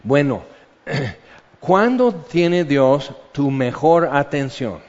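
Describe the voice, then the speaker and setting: A man's voice: fairly high pitch, expressive, very slow, a little mellow. A man with a Mexican accent preaching a sermon as a conversational Bible lesson, explaining things in a chatty way and often checking in with "ok". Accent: Mexican Spanish. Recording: dull audio with long hall reverb.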